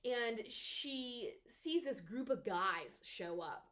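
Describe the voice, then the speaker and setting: A woman from the American South giving a casual, chatty spoken book review with expressive pitch jumps. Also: takes it slowly.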